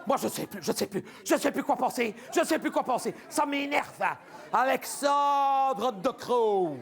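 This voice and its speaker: A man's voice: extremely high pitch, expressive, fairly quick, vocal fry, a faint crowd, exaggerated voice. A man playing a fretful, chatty middle-aged housewife and mother in a comic stage monologue, rambling and grumbling over and over. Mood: exasperated. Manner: rambling, repetitive, exasperated grumbling.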